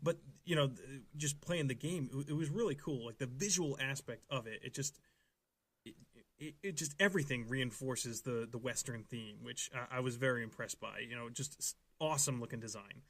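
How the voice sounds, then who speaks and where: A man's voice: mid-range voice, moderate pace, fairly bright tone. A man hosting a board game podcast, chatting casually with frequent restarts and fillers. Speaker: podcast host. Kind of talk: board game review chat.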